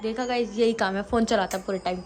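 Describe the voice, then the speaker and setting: A woman's voice: mid-range voice, fairly even intonation, fast talker, slight background noise. A young woman vlogging casually, chatty and playfully complaining. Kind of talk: casual vlog chat.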